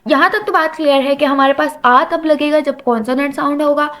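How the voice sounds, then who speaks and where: A woman's voice: high-pitched, fairly quick, fairly bright tone. A woman teaching a grammar lecture, explaining step by step and mixing English terms into her talk. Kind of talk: classroom lecture.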